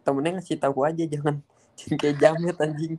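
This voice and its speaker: A man's voice: a little high, flat delivery, a little fast, darkish tone, slight background noise. A young man with a Jakarta accent chats casually as a podcast guest, using blunt Jakarta slang with some swearing. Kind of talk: casual chat.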